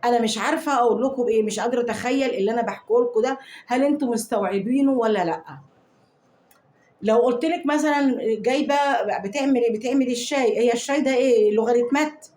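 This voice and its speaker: A woman's voice: a little high, racing, darkish tone, reverberant. A woman with an Egyptian Arabic accent telling a first-person story to viewers in an indignant, disgusted way, then giving advice.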